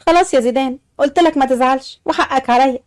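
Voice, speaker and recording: A woman's voice: high-pitched, fast talker, no echo, clean studio sound, close to an everyday voice. A woman voicing a young wife with an Egyptian accent who speaks in a pleading, coaxing way. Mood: playful.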